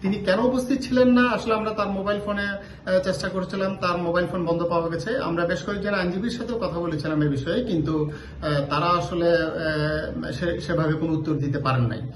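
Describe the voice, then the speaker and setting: A man giving a live news report on a court case, pausing often with filler sounds. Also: high-pitched, reverberant, slight background noise. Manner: halting, many filler sounds.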